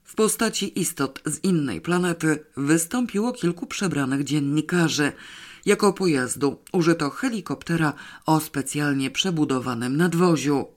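A man narrating a comic novel as an audiobook reader, in an even, measured way. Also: a little high.

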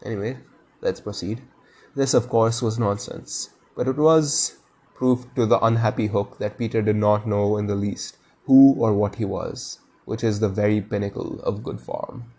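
A man's voice: fairly low pitch, steady tone, normal speed, a little mellow. A man reading a novel aloud and stopping to muse on it enthusiastically. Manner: enthusiastic, muses aloud between passages. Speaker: reader discussing a novel.

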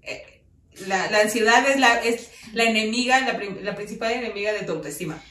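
A woman's voice: on the high side, brisk, a bit bright, distant mic. Mexican woman, podcast co-host, casual and jokey, recorded off-mic in a reverberant room. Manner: laughing, joking, crude slang. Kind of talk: casual chat.

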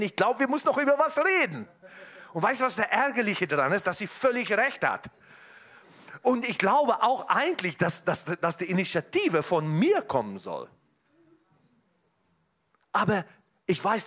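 A man preaching a Sunday sermon in church, addressing the congregation directly and earnestly. His voice sits high for a man and swings widely in pitch. He often restarts mid-sentence. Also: sharp tone. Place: church service.

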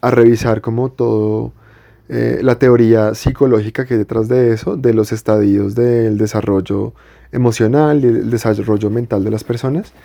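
A young Colombian man from Bogotá co-hosts a podcast, keeping the chat relaxed and easygoing. His mid-range voice is mellow, warm and gravelly, with a Bogotá Colombian Spanish accent and a moderate pace. Reflective, he thinks out loud, explains at length and often restarts.

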